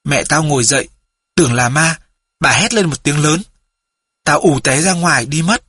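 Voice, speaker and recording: A man's voice: fairly high pitch, moderate pace, pushed and bright, breathy edge, no echo. A man voicing a remorseful teenage runaway boy in an audiobook, confessing in a heartfelt way. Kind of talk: audiobook character voice.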